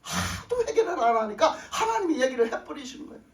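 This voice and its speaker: This pastor's sermon comes in a high, very animated voice at a quick clip, hammering home repeated phrases and questioning the congregation in the church sanctuary. The recording has a roomy echo, with the speaker distant from the mic.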